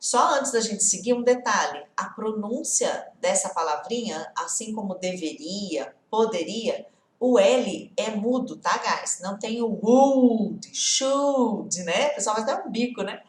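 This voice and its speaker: Lively woman teaching English in an echoey room. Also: medium pitch, a little slow. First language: Portuguese. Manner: lively, often checks in with "tá?" and "né?"; greets viewers by name. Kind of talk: live-stream lesson.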